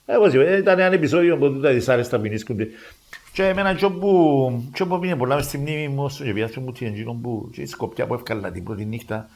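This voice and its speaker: A man's voice: mid-range voice, darkish tone. Older Cypriot man recounting wartime memories. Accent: Cypriot Greek. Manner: halting, many fillers and restarts, acts out quoted voices. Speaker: doctor giving a war testimony. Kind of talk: spoken personal testimony.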